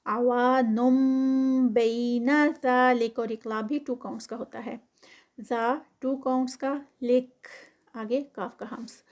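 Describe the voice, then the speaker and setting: A woman teaching tajweed, who slowly draws out the recited words and then explains each rule at a quicker pace. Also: a little high, fairly even intonation, darkish tone. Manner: slow drawn-out recitation alternating with quick explanation.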